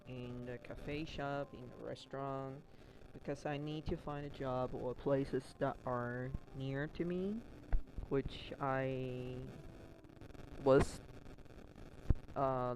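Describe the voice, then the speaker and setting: A Twitch streamer from Taiwan with a mixed Australian and Canadian accent chats casually while crafting, rambling with many restarts and fillers. His medium-pitched voice has fairly even intonation, slow with long pauses, and there's background noise.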